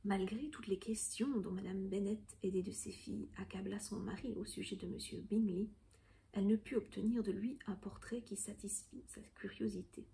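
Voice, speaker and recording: Femme lisant à voix basse, grave et feutrée. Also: female voice, steady tone, normal speed. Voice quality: whispery, breathy at times. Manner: soft, low-voiced reading of a classic novel. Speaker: ASMR reader. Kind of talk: whispered role-play.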